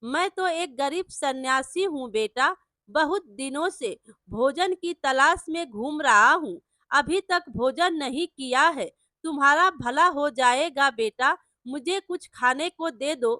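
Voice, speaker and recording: A woman doing a poor old wandering holy man in a storybook tale, humble and begging, his voice kept high and bright. Slow, gentle lines, recorded dry and close. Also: expressive, no echo, full character voice. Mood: pleading. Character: elderly male wandering holy beggar, pleading.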